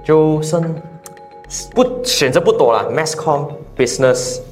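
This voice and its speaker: A man's voice: on the high side, a little slow, faint music behind. A young man from Malaysia with a Malaysian Mandarin accent, chatting casually as an interview guest and sprinkling English words into his speech. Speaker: brand founder, guest.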